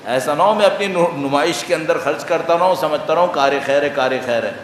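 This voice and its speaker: A man with a Pakistani Urdu accent delivers a majlis sermon in a big echoey hall, his voice sitting a little high for a man. He moves between rhetorical questions and recited Arabic lines. A faint hum of the room sits behind him. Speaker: Shia preacher. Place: large hall.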